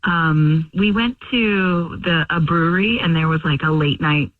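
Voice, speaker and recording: Calling a radio show over a distant-sounding phone line, a young woman talks in a deep, unhurried voice. She is chatty and rambles with many fillers, and there is no room sound.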